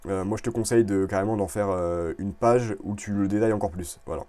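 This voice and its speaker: A man casually reviewing clothing brands over a screen recording, chatty and relaxed, with many fillers and restarts. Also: fairly low pitch, a little fast.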